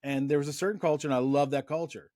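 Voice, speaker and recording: Higher-voiced man, rambling conversational host. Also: fairly even intonation, fast talker, warm tone, no echo, clean studio sound. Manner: rambling, anecdotal, often restarting sentences. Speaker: interview host. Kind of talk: casual conversational interview.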